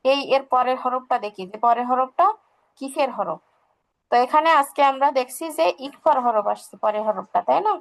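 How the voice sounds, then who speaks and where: High, gravelly female tajweed teacher. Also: rough recording. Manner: patient, asks questions and answers them herself. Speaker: Quran recitation teacher. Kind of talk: online tajweed lesson.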